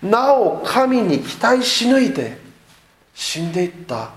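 A man preaching a sermon as a pastor, swinging between loud emphatic lines and soft low asides. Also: very animated, slow, reverberant.

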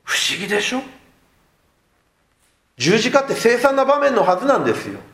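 Animated Japanese pastor preaching in an echoey room. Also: male voice, moderate pace. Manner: animated, swings between loud emphatic lines and soft low asides. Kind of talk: sermon.

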